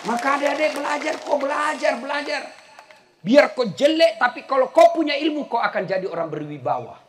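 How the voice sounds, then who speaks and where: A middle-aged man giving a humorous sermon to a live audience, telling stories and shouting the punchlines. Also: extremely high pitch, fairly quick. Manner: animated storytelling, shouting punchlines with laughter. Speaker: preacher. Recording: live event with crowd and faint noise. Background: crowd laughter.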